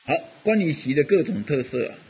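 A man's voice: a little high, animated, a little fast, darkish tone, husky, highs cut off. A man giving a rambling, conversational Buddhist dharma talk, full of fillers as he teaches.

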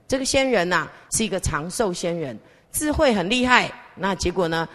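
A woman's voice: mid-range voice, fairly bright tone, long reverb tail. A woman teaching a class by telling a Buddhist story. She keeps asking the listeners questions and draws her words out with little particles.

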